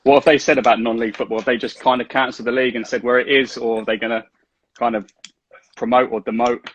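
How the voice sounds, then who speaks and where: A man's voice: mid-range voice, flat delivery, quick pace, fairly bright tone. A man hosting a casual interview over a video call, matey and loosely phrased. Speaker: interview host. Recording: faint noise and clicks on call.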